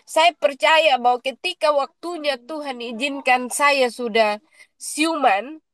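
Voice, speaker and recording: High-voiced woman with Papuan accent. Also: slow pace, no echo. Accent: Papuan Indonesian. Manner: lively storytelling, acting out quoted dialogue. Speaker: guest giving a testimony. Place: radio studio.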